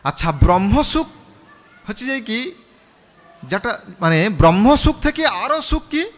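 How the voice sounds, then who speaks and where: High-voiced monk preaching in a hall. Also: male voice, sing-song, unhurried. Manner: call-and-response, chants the mantra with the audience. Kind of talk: sermon on scripture.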